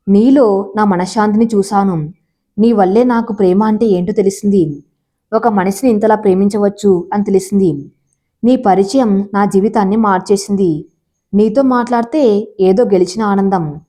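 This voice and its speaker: A woman's voice: mid-range voice, mellow, close to an everyday voice. A woman voicing a young man who tenderly pleads his love, read in a storybook style. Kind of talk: storybook character reading.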